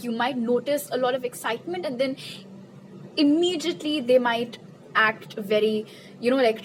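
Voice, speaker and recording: A woman's voice: a little high, background noise. A woman reading tarot cards in a casual, chatty way, repeating her questions to Spirit and laughing at her own jokes. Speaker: tarot reader.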